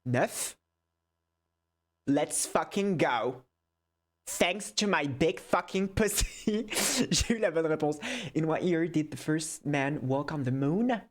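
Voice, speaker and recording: Low, slow woman muttering through a quiz. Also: lively intonation. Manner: mutters to herself, swears, switches between French and English. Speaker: content creator. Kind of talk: casual quiz play, thinking aloud.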